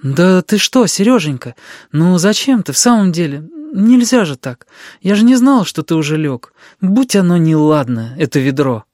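A man's voice: on the high side, animated, moderate pace, hardly any pauses, dry recording, studio quality, voice pushed up, close to an everyday voice. A man voicing a fussy middle-aged aunt who grumbles but worries kindly. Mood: worried.

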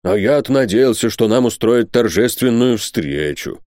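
A man's voice: on the low side, animated, unhurried, a little mellow, no echo, clean studio sound. A man voicing a cheeky, loyal male orderly in a storybook reading, speaking in a wry, joking way.

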